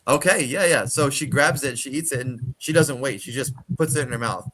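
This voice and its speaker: A man narrating as game master for a tabletop game, rambling and full of fillers. His speaking voice sits at a middling pitch. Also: brisk, a bit bright.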